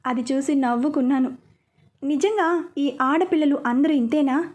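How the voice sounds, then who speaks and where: A woman storyteller narrating a romance in the first person. Her voice is high and mellow, and she talks chattily, often turning to the listener. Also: normal speed.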